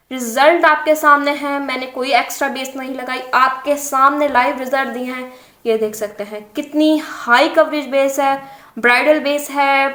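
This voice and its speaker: A woman's voice: sits high, a bit bright. A woman with a Pakistani Urdu accent hosting a casual beauty tutorial, giving chatty step-by-step instructions and often repeating phrases. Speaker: makeup tutorial host. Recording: roomy echo.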